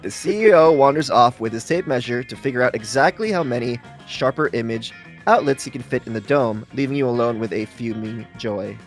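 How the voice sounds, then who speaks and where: Guy reading out the narration in a group game stream, medium pitch, soft music behind. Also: expressive, a little fast.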